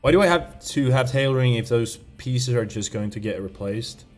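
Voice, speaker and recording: A young man talks casually through a live game stream, drifting between topics and often catching and fixing his own words. His voice sits in an ordinary middle pitch, with some soft music playing behind him. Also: moderate pace. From Sweden. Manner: rambling, self-correcting, chuckles often. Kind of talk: casual live-stream chat while gaming.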